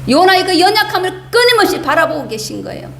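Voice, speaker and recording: A woman's voice: very high voice, sing-song, quick pace, creaky, roomy sound, a little hiss or hum. A woman pastor preaching a sermon in a church, asking her congregation emphatic rhetorical questions and acting out the complaints of the people she quotes. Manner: acts out the prophet's complaints in quoted speech. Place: church sanctuary.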